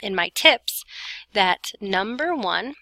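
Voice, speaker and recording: Woman, teacher, bright voice, dry close sound, heavy breathing, short of breath, informal step-by-step grammar explanation. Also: mid-range voice, expressive, takes it slowly, no room sound, rough recording. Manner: breathing heavily while talking; informal, talks students through each step, self-correcting. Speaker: Spanish teacher recording an explanation for students. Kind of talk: step-by-step grammar lesson narration.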